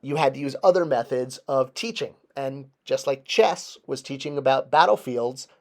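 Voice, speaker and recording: A man's voice: mid-range voice, moderate pace. Man explaining casually with emphatic stresses. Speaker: video presenter.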